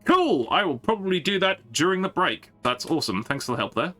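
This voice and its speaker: A man streaming a game, chatting to his viewers with a bright, forward tone. His pitch jumps around animatedly as he rambles and thinks aloud. Faint music plays underneath. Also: big pitch swings, brisk. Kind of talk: casual live-stream chat.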